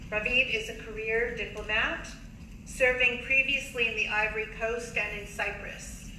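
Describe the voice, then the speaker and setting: Woman emcee, measured formal introductions, slightly high voice, noisy echoey ceremony hall. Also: recorded from a distance. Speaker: master of ceremonies.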